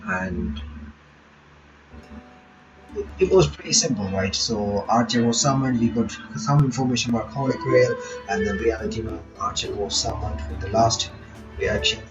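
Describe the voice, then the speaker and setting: At medium pitch and normal speed, the sleepy reaction video host drifts through casual commentary as he reads a visual novel's text out loud, captured in a dull lo-fi recording with game music playing.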